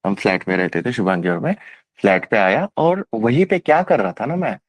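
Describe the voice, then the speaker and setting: A man's voice: on the low side, brisk, no echo. Guy telling a story at a satsang, acts out the dialogue, dry close sound. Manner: animated retelling with quoted dialogue and laughs. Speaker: devotee sharing a personal experience.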